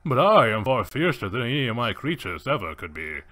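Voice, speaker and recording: A man's voice: medium pitch, sing-song, a little fast, fairly bright tone. A man voicing a pompous villainous male animal tamer who speaks in haughty, theatrical, formal phrases. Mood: menacing.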